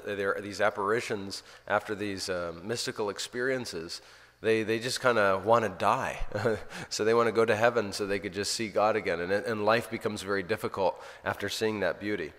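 Earnest priest in a reverberant hall. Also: male voice, on the low side, steady tone, moderate pace, fairly bright tone. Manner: earnest, storytelling, often restarts sentences. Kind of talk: informal spiritual talk.

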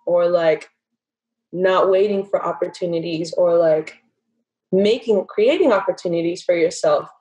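A woman's voice: on the low side, a little mellow, dull audio. A woman in her twenties, a dancer and podcast guest, talking casually over a laptop video call and filling her speech with "like" and "you know". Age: 20s. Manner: chatty, many fillers like "like" and "you know". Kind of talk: casual interview conversation. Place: bedroom at home. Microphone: laptop webcam on a video call.

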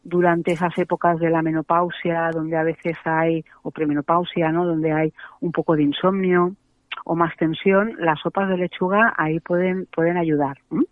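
A woman's voice: on the low side, little pitch movement, moderate pace, no room sound. A woman, a macrobiotic cooking guest on a radio interview, chatty and explanatory, with many tag questions. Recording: dry, tinny phone line.

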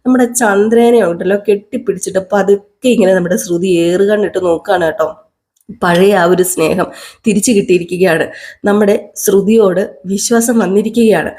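A woman's voice: medium pitch, fairly quick, warm tone. A woman casually retelling a TV serial episode in a chatty way, acting out the characters' lines. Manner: chatty, often adds a tag like "you know" and acts out the dialogue. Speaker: serial review narrator.

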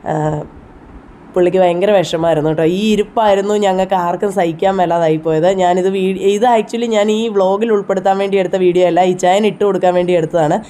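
A woman's voice: lowish voice, fairly even intonation, quick pace, dark tone. A woman in her thirties with a Kerala Malayalam accent, narrating a personal family vlog in a chatty, heartfelt way. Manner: chatty, heartfelt, frequent tag "you know". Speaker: vlogger.

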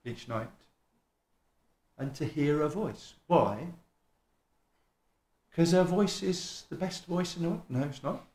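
A middle-aged man with a fairly high voice preaches slowly, with long pauses, from a lectern in a small church hall. He has an East Midlands accent with a touch of Welsh and a lively, chatty, self-mocking manner, acting out what people say. A stand mic at the lectern records him, and a camera films from across the room.

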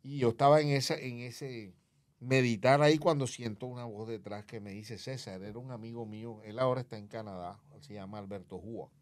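A man's voice: mid-range voice, steady tone, a little fast. A man telling his personal testimony as an interview guest, vividly acting out remembered dialogue. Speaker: guest sharing his life story.

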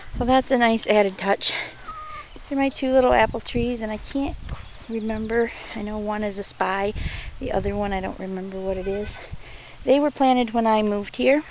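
A woman's voice: mid-range voice, background noise. A middle-aged woman chatting casually as she walks and films a tour of her farm outdoors, talking to her animals now and then. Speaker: homesteader giving a farm tour. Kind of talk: casual walking vlog narration. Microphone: handheld camera, filming while walking. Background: goats bleating, chickens.

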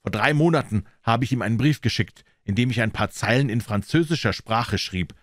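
A man voicing a stern, accusing young gentleman who argues urgently. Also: mid-range voice, brisk, no room sound, clean studio sound, lightly acted. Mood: indignant.

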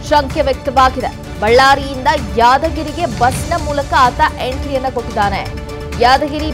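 A young adult woman, a news anchor, reading scripted news with a steady, urgent cadence in a TV studio. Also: on the high side. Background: news music bed.

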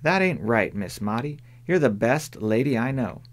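A man voicing a young, stubborn tomboy girl in an audiobook, speaking bluntly in a raised pitch. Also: lively intonation, normal speed, close to an everyday voice. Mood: earnest. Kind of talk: audiobook character voice.

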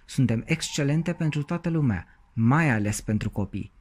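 A man's voice: medium pitch, expressive, darkish tone, voice pushed up, natural voice. A man voicing a proud, touchy female cauliflower who scolds in a haughty tone.

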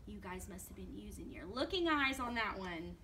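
A woman children's librarian reading a picture book aloud at preschool storytime, slowly and expressively, asking the children questions. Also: mid-range voice, lively intonation, bright, forceful tone, a little hiss or hum.

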